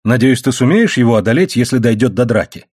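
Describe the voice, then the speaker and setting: Anxious, sharp-tongued young woman in an audiobook, read by a man: pleading, lively pitch, husky. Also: fast, no room sound, clean studio sound. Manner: pleading, exasperated.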